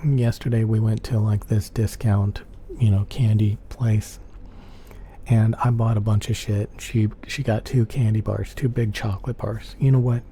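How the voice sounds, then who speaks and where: A man with a lowish, very dark and relaxed voice chats casually in ASMR style. He is soft-spoken and tends to repeat himself as he rambles, with clear noise behind him. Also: normal speed. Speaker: ASMR channel host.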